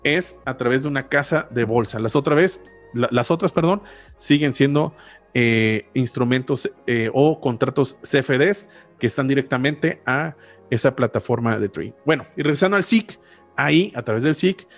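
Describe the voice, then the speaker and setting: Close on a large studio mic on a boom arm, a podcast host in his thirties with a Mexican accent talks through finance casually and corrects himself often. His voice is mid-range at a moderate pace, and soft music plays in the background.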